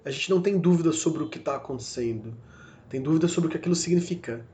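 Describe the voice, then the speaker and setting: A man's voice: fairly high pitch, fast, mellow. A man with a Brazilian Portuguese accent giving a recorded literature lecture, reflective and searching, with many fillers and self-corrections. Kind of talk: recorded university lecture podcast.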